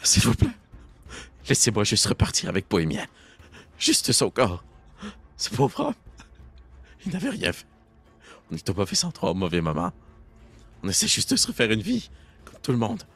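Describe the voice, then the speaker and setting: A man's voice: wildly swooping pitch, normal speed, long pauses, a bit bright, husky, heavily acted. A man voicing a terrified old man who begs desperately for his life, in a tabletop game. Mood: desperate begging. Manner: begging, sobbing, high and breaking.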